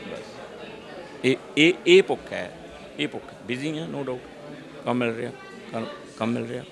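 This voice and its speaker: A middle-aged man, telling lively stories in an interview and acting out voices. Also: mid-range voice, normal speed, gravelly, a crowd in the background. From Punjab, India. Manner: lively storyteller, acts out voices, frequent restarts. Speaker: actor interviewee. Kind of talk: animated casual interview talk.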